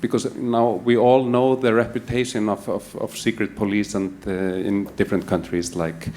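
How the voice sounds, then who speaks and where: A man's voice: lowish voice, flat delivery, moderate pace, darkish tone, a little hiss or hum. A man asking a long, hesitant question from the audience at a live event. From Iceland. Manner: rambling, hesitant, full of fillers.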